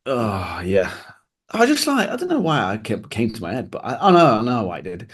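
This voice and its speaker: A man's voice: medium pitch, huge pitch swings, fairly quick, husky. A man, a fitness coach co-hosting a casual podcast, ranting sarcastically. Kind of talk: casual chat.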